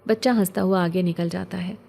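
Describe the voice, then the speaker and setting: Mellow woman narrating a story. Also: fairly low pitch, creaky. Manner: steady, measured storytelling.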